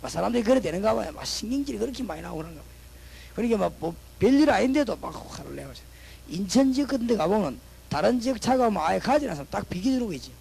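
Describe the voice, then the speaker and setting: High, gravelly Busan-accented preacher. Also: male voice, big pitch swings, racing, poor audio. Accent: Gyeongsang (Busan) Korean. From Busan, South Korea. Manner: swings between loud proclamations and chatty, joking anecdotes. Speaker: pastor, guest preacher. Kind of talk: sermon.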